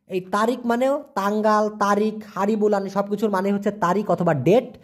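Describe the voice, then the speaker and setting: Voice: medium pitch, steady tone, normal speed. A language teacher, giving a casual lesson and asking and answering their own questions. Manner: asks rhetorical questions and repeats words to drill them.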